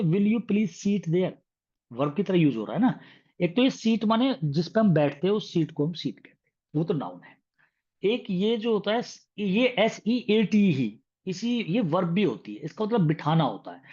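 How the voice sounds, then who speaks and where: A male teacher, voice sitting a little high, runs an exam-prep grammar lesson. He explains in quick Hindi, then slows down and leans hard on each English example sentence. The recording sounds muffled and lo-fi. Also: a little mellow.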